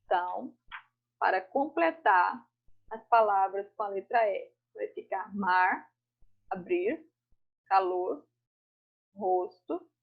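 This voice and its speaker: A woman's voice: medium pitch, animated. A woman teacher, going over school exercises in a recorded lesson, reading each task aloud and explaining it patiently. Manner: reads tasks aloud, then explains slowly and patiently. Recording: muffled home recording.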